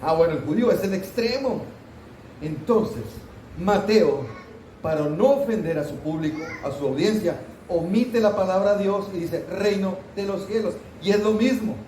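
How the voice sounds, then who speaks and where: A man teaching a Bible class in a chatty, questioning way, calling on his students and teasing them a little. His voice is mellow and sits a bit high for a man. He is heard from some distance in an echoing church room. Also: normal speed, slight background noise. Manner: conversational, asks the class questions, mock scolding asides. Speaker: pastor teaching Sunday school. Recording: roomy church hall, voice from off-mic.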